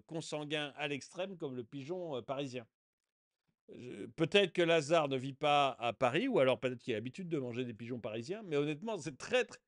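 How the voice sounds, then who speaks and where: A man's voice: on the high side, no room sound, studio quality. A man giving casual video commentary in a sarcastic, indignant way, often chuckling. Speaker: online commentator.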